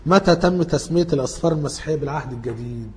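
Egyptian man lecturing, fairly high voice. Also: racing. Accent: Egyptian Arabic. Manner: thinks aloud, corrects himself mid-sentence. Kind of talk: informal lecture going through study questions.

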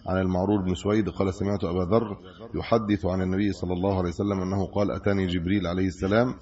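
Fast-reading Egyptian sheikh, lo-fi lecture. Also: male voice, deep voice, flat delivery, darkish tone. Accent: Egyptian Arabic. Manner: reads the texts aloud, then explains them in colloquial asides. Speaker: sheikh teaching hadith commentary. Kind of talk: religious lesson reading and explaining hadith. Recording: dull lo-fi lecture recording.

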